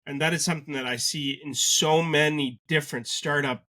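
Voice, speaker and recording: Bright, emphatic Canadian man. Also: fairly high pitch, a little fast. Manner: energetic, articulate and emphatic. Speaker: guest, sales agency cofounder. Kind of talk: podcast interview.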